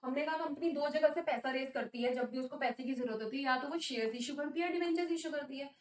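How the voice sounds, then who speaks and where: High-voiced woman teaching in an echoey room. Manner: asks questions then answers them, mixes English terms into Hindi; reads English definitions slowly. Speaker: commerce teacher. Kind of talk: classroom lecture. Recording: echoey room, a little distant.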